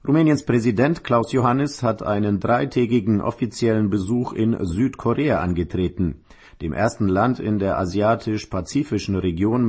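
A man hosting a radio programme and reading scripted news in a husky voice. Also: on the low side, a little mellow. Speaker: radio host and newsreader.

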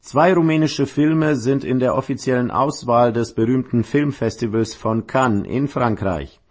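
A man hosting a radio programme and reading scripted news in a husky voice. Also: mid-range voice, unhurried, darkish tone. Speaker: radio host and newsreader.

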